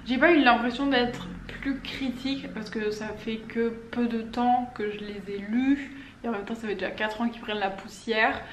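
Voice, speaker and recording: Young woman, casual vlog chat, slightly high voice, meandering, roomy echo. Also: steady tone, normal speed. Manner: chatty, rambling, loses her train of thought. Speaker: book vlogger. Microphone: camera or phone on a stand. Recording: echoey room with faint background noise.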